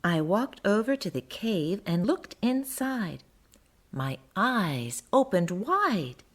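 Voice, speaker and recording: A woman voicing a friendly, curious little garden mole who tells a children's storybook tale in first person, with expressive, sing-song storytelling. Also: mid-range voice, takes it slowly. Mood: earnest wonder.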